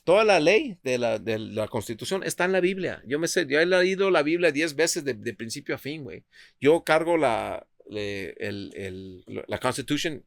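A man from Culiacán, Mexico, tells a wild, animated story full of swearing, slang, and English phrases. He is excitable and profane, his mid-range voice carrying vocal fry, with no echo in the recording.

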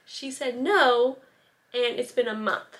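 A woman's voice: a little high, takes it slowly, a bit bright. Woman doing a dismissive, evasive young mother. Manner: brushing off, defensive.

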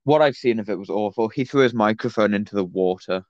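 Give me a teenage man chatting casually on a podcast, with a smooth, resonant voice on dull, dry audio. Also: lowish voice, fast talker, darkish tone, no room sound. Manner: rambling anecdote with many fillers. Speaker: podcast co-host. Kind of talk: casual chat, storytelling.

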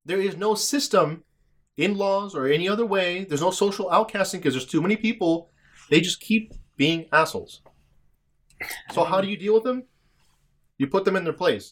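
A blunt, heated man on a podcast, swearing as he rants. His voice sits a little high for a man. He talks in a casual, profane way. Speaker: podcast co-host.

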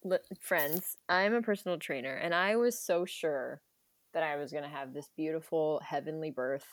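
A young woman hosting a chatty podcast, telling stories with a joking, animated delivery and plenty of laughter. Her voice sits a little low for a woman. The sound is dry and close, with no room echo. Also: normal speed. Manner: animated, jokey storyteller who laughs often. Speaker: podcast host, personal trainer. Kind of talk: casual chat.

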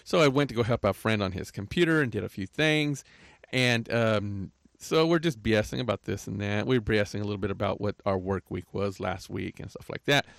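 A man's voice: lowish voice, fairly quick, vocal fry, dry recording. An older man telling a rambling, aggrieved story in a casual rant, often tagging his lines with "right?". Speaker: podcaster.

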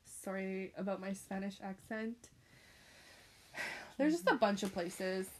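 A woman's voice: medium pitch, slow, darkish tone, slight background noise. Giggly young woman chatting. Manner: giggly, laughs often. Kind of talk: casual chat.

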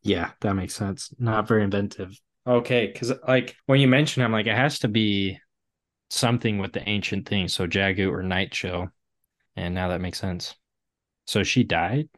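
Deep-voiced man rambling casually. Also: fairly even intonation, moderate pace, fairly bright tone, dry recording, clean studio sound. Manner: rambling, lots of "like" fillers. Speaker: podcast co-host. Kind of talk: casual book discussion.

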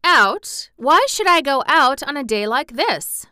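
A woman voicing a cold, sullen, spoiled little girl who speaks flatly. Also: sits high, slow, no echo, studio quality, pitched above the performer's own voice, heavily acted. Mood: petulant. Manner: cold and flat.

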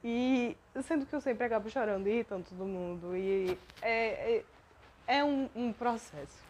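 A woman's voice: on the high side, normal speed, a little mellow, slight background noise. Young Brazilian woman, podcast host, rambling, self-deprecating and emotional monologue.

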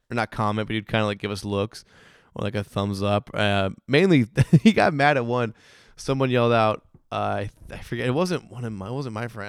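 A man with a hoarse voice talks in a loose, rambling way, laughing often and breaking off mid-thought. His voice sits a little low and comes through smooth and resonant despite the hoarseness. The sound is dry and close to the mic. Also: dry recording. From Michigan. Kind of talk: casual chat.

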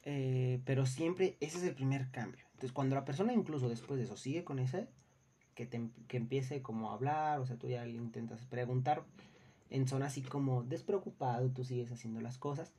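A young man with a Mexican Spanish accent speaks in a dark, mellow voice, chatting frankly about dealing with rude customers. He drops casual swearing and slips into quick imitations of the people in his stories. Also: mid-range voice. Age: young adult. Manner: acts out customers and coworkers in quoted voices. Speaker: customer service worker. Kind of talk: casual storytelling monologue.

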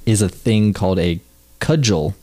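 Male co-host, very low pitch, dry close mic, casual trivia reader who stumbles on words. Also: expressive, moderate pace, mellow, no echo. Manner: reads facts aloud, trips over words. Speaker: podcast co-host. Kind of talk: casual chat, reading trivia notes.

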